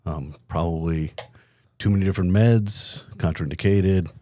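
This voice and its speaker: Middle-aged male guest, very low voice, candid reflective storyteller, dry close recording. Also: normal speed, mellow, no echo. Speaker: podcast guest, company CEO. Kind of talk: casual interview storytelling.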